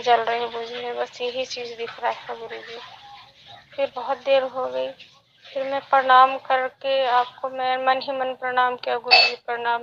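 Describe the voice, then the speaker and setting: A woman from India slowly and reverently telling her teacher about a meditation experience, often searching for words. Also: high voice, a bit bright, dull audio, slight background noise. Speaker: meditation student sharing an experience.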